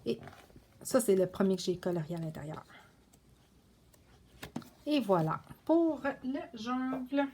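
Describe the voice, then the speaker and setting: A woman's voice: mid-range voice, big pitch swings, unhurried, long pauses, warm tone, a little hiss or hum. A woman chatting casually in a show-and-tell vlog, meandering with many fillers and restarts. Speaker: coloring book vlogger.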